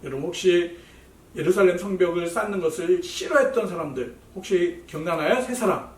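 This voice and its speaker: A man preaching a children's Sunday school sermon, animated and asking the children questions. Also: high-pitched, fairly quick. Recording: roomy echo, voice heard from a distance.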